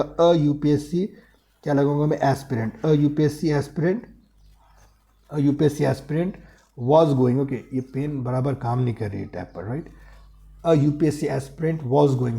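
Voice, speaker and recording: Male grammar teacher, mellow tone, patient drilling with rhetorical questions, screen lesson. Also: mid-range voice. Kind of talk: explaining grammar step by step while writing on a tablet.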